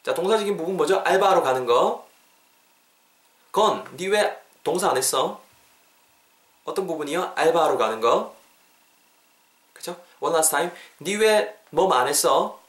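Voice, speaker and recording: A man runs a casual English lesson, switching between quick explanation and slowly drawn-out English sentences. His voice sits fairly high and he acts out little scenes with playful exclamations. The recording carries a noticeable room echo. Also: expressive, fairly bright tone. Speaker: English teacher and podcast host. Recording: echoey room.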